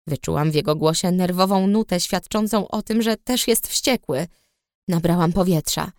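A woman narrating a story in the first person, with expressive storytelling. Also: fairly low pitch, moderate pace, dry recording, clean studio sound. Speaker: audiobook narrator.

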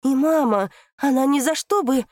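A woman voicing a desperate shouting young woman. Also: slow, no echo, clean studio sound. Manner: high, loud, pleading outbursts. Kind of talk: audiobook reading.

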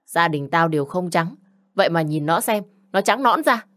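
A woman's voice: on the low side, animated, moderate pace. Woman voicing a furious, bullying young husband. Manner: shouting insults, coarse and bullying. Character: angry jealous young husband, harsh and accusing.

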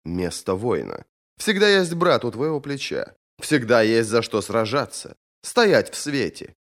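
A man's voice: medium pitch, very animated, a little slow. A man reading an audiobook, voicing an awkward, earnest young man in training as a warrior, hesitant and sheepish. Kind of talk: audiobook character voice.

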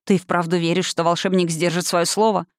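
A woman's voice: lowish voice, level tone, brisk, no room sound, studio quality, natural voice. A woman reading an audiobook, voicing an accusing, menacing witch who snarls and hisses. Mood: bitter, brooding. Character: bitter, menacing witch, woman, middle-aged.

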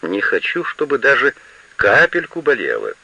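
A grumpy old woman who orders everyone about and scolds without letup, read by a man. The voice is bright and a little husky, with wide swings in pitch. It comes through a muffled, lo-fi radio recording. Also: wildly swooping pitch, normal speed, no echo, full character voice. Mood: imperious. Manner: scolding, imperious. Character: grumpy, fussy older woman, a mother-in-law.

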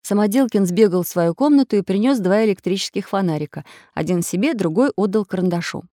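A woman narrating a children's storybook in an expressive, clear reading. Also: mid-range voice, fast talker, dry recording, clean studio sound.

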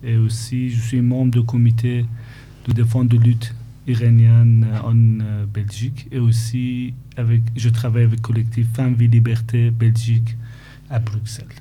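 A man speaks as a guest activist on a radio show in a studio. He talks haltingly and stops to search for words. His timbre is very dark and his pitch is flat and monotone. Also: a little hiss or hum. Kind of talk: radio interview.

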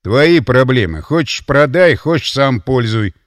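A man voicing a gruff, easygoing mercenary who talks offhand. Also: mid-range voice, very animated, measured pace, big-room sound, pitched below the performer's own voice.

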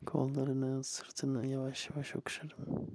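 A man speaking softly and tenderly, as if lulling a partner to sleep in an intimate bedtime roleplay. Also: mid-range voice, monotone, no echo. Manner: soft, slow, tender, murmuring to a partner.

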